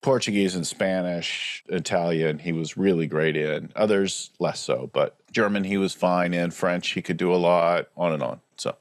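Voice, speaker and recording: This is a man in his forties, a business coach telling his story over a video call. His voice sits a little low and sounds close and dry, with no room around it. He talks reflectively and keeps asking "right?" to check the listener is with him. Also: normal speed, hardly any pauses, no room sound. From United States. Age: 40s. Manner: reflective, frequent tag "right?".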